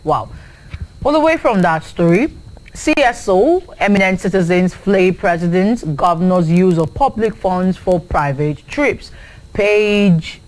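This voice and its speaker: A woman's voice: on the low side, darkish tone, poor audio. Nigerian woman presenting a newspaper review. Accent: Nigerian English. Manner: brisk headline reading with spoken asides. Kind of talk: reading headlines and studio chat.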